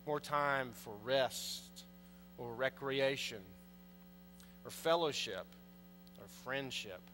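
A man's voice: medium pitch, bright, forceful tone. A man in his thirties, a priest, preaching a conversational sermon from the pulpit and putting questions to the congregation. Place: large church, indoors. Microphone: pulpit mic, far camera. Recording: long church reverb, faint mains hum.

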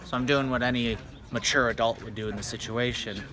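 A man's voice: mid-range voice, steady tone, fairly quick, bright, forceful tone. A man in his thirties vlogging on his travels, talking into a phone camera held at arm's length in a jokey, self-mocking way. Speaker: vlogger and wrestler. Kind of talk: casual travel vlog. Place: outdoors, hotel, venue and locker room.

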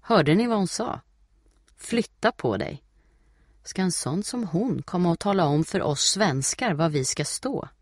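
A man's voice: a little high, very animated, dry recording, clean studio sound. A man reading aloud, voicing a smug blond boy who mocks with a rising sneer. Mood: mocking.

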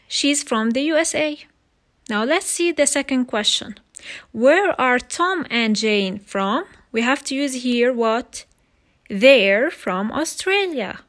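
A woman teaching young children English over slides, slow and patient, repeating each word. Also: high-pitched, a bit bright. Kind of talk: recorded slide lesson for children.

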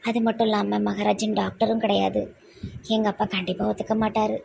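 A woman's voice: medium pitch, little pitch movement, brisk, vocal fry, a little mellow, slight background noise. A woman playing a tender-hearted young clinic doctor in a comedy skit, with a Tirunelveli Tamil accent and a tearful, exclaiming manner. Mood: wistful. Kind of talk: amateur comedy skit acting.

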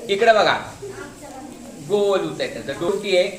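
In a classroom with plenty of echo, a male teacher uses a high, expressive, unhurried voice to demonstrate a craft. He goes over every step again with patience and urges the pupils to watch.

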